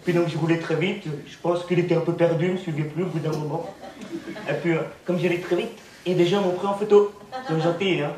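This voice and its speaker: A man doing a stand-up comedy routine as a naive, deadpan village simpleton, tagging his lines with "hein". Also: fairly high pitch, fairly quick, crowd noise. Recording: roomy, noisy recording from far off.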